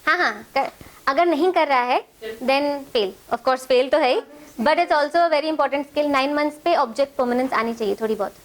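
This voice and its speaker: A woman's voice: sits high, normal speed. A woman with an Indian accent, teaching a child development assessment, switching between English and Hindi as she explains step by step. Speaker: trainer.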